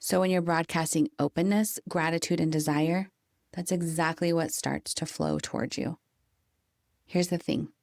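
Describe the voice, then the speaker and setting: A woman with a fairly low voice delivers a calm, coaching motivational monologue as a podcast host. She leans on key phrases, slowing down to stress them. The recording is dry and close. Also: gravelly, no echo.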